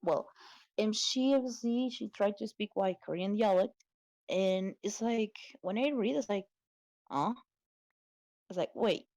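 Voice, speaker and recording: Slow-talking blunt woman streamer. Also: mid-range voice, darkish tone, dry recording, lo-fi sound. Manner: blunt, swears a lot, nonnative English. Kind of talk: casual chat.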